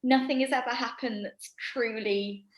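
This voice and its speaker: A woman's voice: steady tone, normal speed, heavy background noise. Chatty young woman telling stage stories. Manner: rambling with many ums, acts out quoted lines in a high voice. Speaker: actress, interview guest. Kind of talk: casual anecdote-telling.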